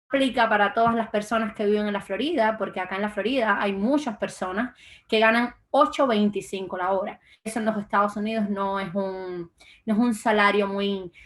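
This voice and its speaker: A young adult woman from Cuba who lives in Florida appears as a guest in a political interview. Her medium-pitched, fairly bright voice is hesitant, full of fillers and restarts.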